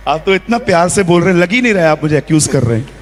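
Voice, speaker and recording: Lively preacher in an echoing hall. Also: male voice, on the high side, very fast, faint music behind. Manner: lively preaching with acted-out quotes and role-play. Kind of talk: sermon. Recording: long hall reverb.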